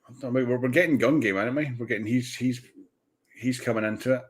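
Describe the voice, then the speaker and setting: A man hosting a casual livestream watch party, excitable, swearing casually and restarting his sentences. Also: mid-range voice, quick pace, husky. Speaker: livestream host.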